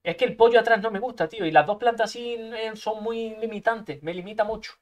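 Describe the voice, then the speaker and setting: Commentating on his own card game match, a man talks to himself, swears a lot, makes sound effects and breaks into frustrated outbursts. His voice sits high and he speaks fairly quickly.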